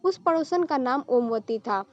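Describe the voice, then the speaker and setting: A woman reading a scripted family story aloud as the storyteller, at an even storybook pace, on a dull lo-fi recording. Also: high voice, unhurried, a little hiss or hum.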